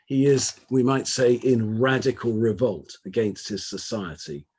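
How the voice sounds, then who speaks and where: A man giving an academic lecture, speaking in a measured, emphatic way and building points through rhetorical lists. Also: mid-range voice, darkish tone, breathy edge.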